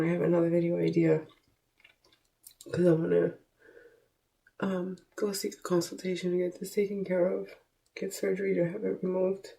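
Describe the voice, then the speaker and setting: A woman's warm, creaky voice sits on the low side and sounds slightly rough. She's recording herself for a vlog, candidly confiding in a casual way and thinking aloud with frequent stops, restarts and self-interruptions.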